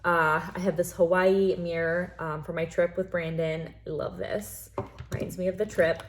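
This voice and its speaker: Going through her bag on camera, the young American vlogger sounds congested with allergies and rambles casually, leaning on lots of fillers. Her lowish voice stays steady at a moderate pace over slight background noise.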